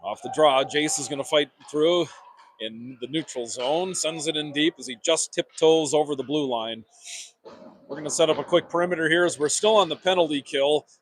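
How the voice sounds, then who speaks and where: Slightly high-voiced male play-by-play caller, quick and chatty, faint noise behind. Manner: quick running play calls, chatty asides. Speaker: play-by-play commentator. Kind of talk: youth hockey play-by-play commentary.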